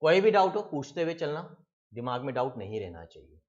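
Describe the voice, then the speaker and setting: A man teaching an exam-prep biology lecture, reading textbook lines slowly and then explaining them, calling his students beta. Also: mid-range voice, very animated, dull audio.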